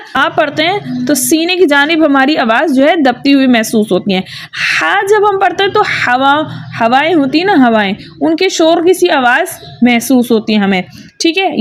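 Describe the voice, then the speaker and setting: Woman, tajweed teacher, patient and repetitive, high voice. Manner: patient, repeats each sound twice, checks with "theek hai". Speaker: Quran recitation teacher. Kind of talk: tajweed lesson with drilled letter sounds.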